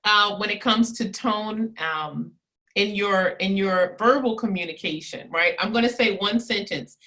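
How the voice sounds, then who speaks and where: A woman's voice: medium pitch, measured pace, sharp tone. A woman in her thirties, an etiquette teacher as an interview guest, explaining her methods in an instructive way and acting out example sentences with shifting emphasis. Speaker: charm academy owner and etiquette teacher.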